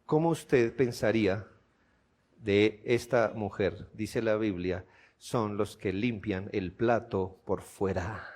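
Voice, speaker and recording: Colombian pastor guy preaching slow in church, lots of questions, gets loud and punchy. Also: lowish voice. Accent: Colombian Spanish. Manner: preaching with rhetorical questions, builds to loud emphatic peaks. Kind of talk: sermon.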